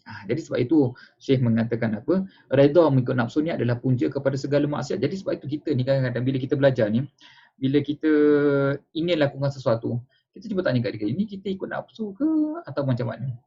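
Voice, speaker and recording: Guy teaching religion, kinda husky, asks questions then answers them, dull lo-fi sound. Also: medium pitch, fast, dark tone. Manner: conversational, asks rhetorical questions and acts out examples. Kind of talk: informal religious lecture. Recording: dull lo-fi recording.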